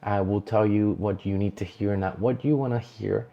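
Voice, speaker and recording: Talking to camera from his small, dimly lit home studio with colored lights, a man from Colombia introduces himself as a real estate agent in a vlog. His lowish voice is steady, creaky and warm at a moderate pace, with the highs cut off, and his delivery is easygoing, earnest, loose and full of fillers.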